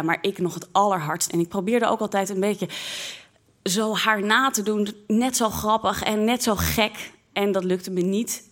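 A woman slowly and expressively telling a personal childhood story in the first person. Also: medium pitch. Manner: slow, lively, expressive storytelling.

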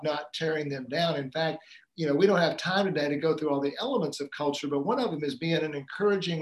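A man's voice: on the high side, reverberant. A man on a live community call, casually retelling a movie scene with many fillers and restarts. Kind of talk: casual storytelling talk.

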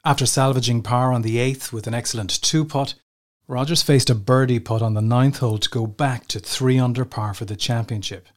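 A man's voice: mid-range voice, steady tone, fairly quick. A man reading scripted narration as a sports documentary narrator.

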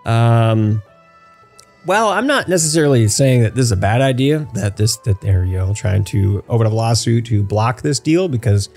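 A man's voice: mid-range voice, animated, moderate pace, darkish tone, soft background music. A man hosting a casual podcast, rambling through news and laughing at his own jokes. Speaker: podcast host.

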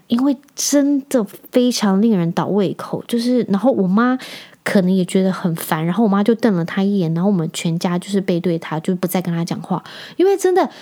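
A woman's voice: mid-range voice, dark tone. A woman in her thirties with a Taiwanese Mandarin accent, hosting a podcast in a chatty, indignant way and tossing in English words. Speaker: podcast host. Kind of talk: casual chat.

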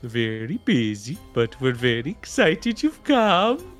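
A man voicing a jolly, ominously chuckling fly merchant in a tabletop game, with drawn-out welcomes. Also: mid-range voice, huge pitch swings, soft background music, voice pushed up. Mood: jolly, welcoming.

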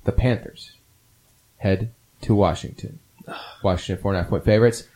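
A man's voice: fairly low pitch, steady tone, moderate pace, warm tone. A man hosting a casual football picks chat, rambling and opinionated with many fillers. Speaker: podcast host.

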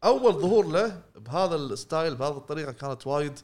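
Fast-talking man on a gaming podcast. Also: a little high, animated, a little mellow. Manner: fast, rambling, many restarts and trailing words. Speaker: podcast co-host. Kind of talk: casual gaming podcast chat.

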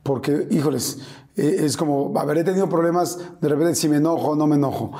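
A man's voice: on the high side, fast talker, warm tone. A man with a Mexican accent, interviewing a guest and asking long, rambling questions full of fillers. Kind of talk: conversational interview.

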